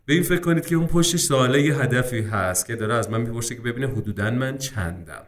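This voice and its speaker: A man teaching English speaking-exam preparation in a casual lesson. He talks to viewers as friends, and his speech is full of English terms. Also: mid-range voice. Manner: lively, addresses viewers as friends, mixes English terms into Persian.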